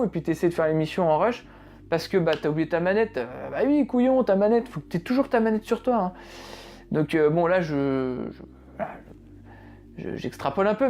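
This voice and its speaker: A man's voice: fairly high pitch, darkish tone. A man ranting off the cuff about games, blunt and full of slang and swearing. He stumbles over his words, repeats himself and keeps asking exasperated rhetorical questions. A little music plays faintly behind him. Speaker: gaming video creator. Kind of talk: unprepared casual rant.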